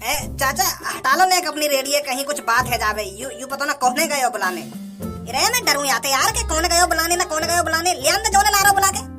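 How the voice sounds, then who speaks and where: A woman's voice: high voice, animated, a little fast. A woman voicing a kindly, stubborn old male chaat seller in a cartoon, with a folksy, stammering manner. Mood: shaken. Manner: folksy, stammers when cornered. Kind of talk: cartoon voice acting. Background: background music.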